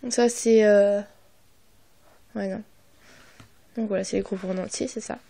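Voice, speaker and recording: A woman's voice: mid-range voice, steady tone, unhurried, vocal fry, warm tone. A young woman narrating a casual unboxing, hesitant and apologetic, with many fillers, often dropping to a half-whisper, recorded on her phone. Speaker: vlogger.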